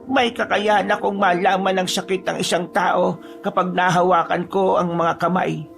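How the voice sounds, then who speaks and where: A man voicing a wise old female village healer in a calm, knowing storytelling tone. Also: high voice, moderate pace, vocal fry, faint music behind, pitched above the performer's own voice. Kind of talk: storytelling voice acting.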